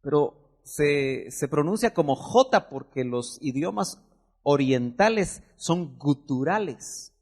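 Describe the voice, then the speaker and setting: A middle-aged man, preaching a teaching sermon as pastor and explaining Hebrew words. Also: takes it slowly. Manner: lively, rises and drops sharply in pitch and loudness.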